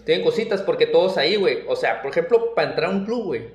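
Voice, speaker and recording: A man's voice: fairly high pitch, fast talker. A young man with a Mexican accent, telling a story in casual, slangy chat and dropping "güey" constantly. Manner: slangy, lively storytelling full of "güey" fillers. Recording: roomy echo.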